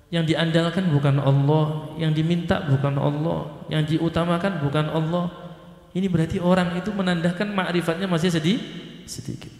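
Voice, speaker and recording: A man giving a Ramadan study sermon. He reads Arabic phrase by phrase, chants some of it, then explains it slowly. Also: on the high side, steady tone, darkish tone. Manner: sometimes chants the Arabic in a sing-song tone. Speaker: ustadz teaching a classical text. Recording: echoey hall with long reverb.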